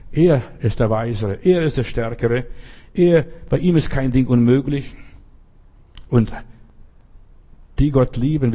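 A man's voice: medium pitch, warm tone. A man preaching a sermon in an earnest, emphatic manner and retelling stories.

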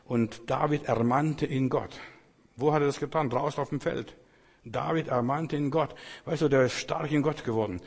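A man's voice: medium pitch, moderate pace, creaky, slightly rough, big-room sound. A man preaching a sermon, addressing his listeners directly in an insistent, exhorting way.

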